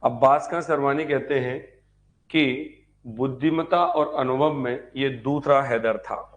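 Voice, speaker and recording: A man with a medium-pitched, unhurried voice teaches a live online history exam-prep class. He repeats points, quizzes his students and slips into chatty asides with them.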